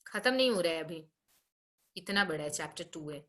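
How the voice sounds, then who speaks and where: Bright-voiced woman teacher scolding online class. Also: on the low side, expressive. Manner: scolding, brisk, frequent tag questions. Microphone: video call.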